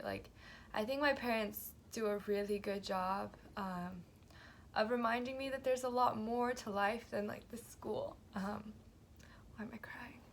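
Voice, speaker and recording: Young adult woman, student vlogger, hesitant and soft, gravelly vocal fry. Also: mid-range voice, a little hiss or hum. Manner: hesitant and soft-spoken, with frequent fillers. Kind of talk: reflective casual vlog.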